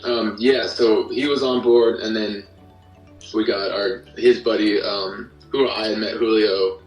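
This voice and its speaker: A young American man, a musician and audio drama creator, is a podcast guest chatting casually and explaining things in a rambling way, often interrupting himself. His lowish voice is unhurried with fairly even intonation. Faint music plays behind him, and the recording has a roomy echo, as he sits distant from the mic.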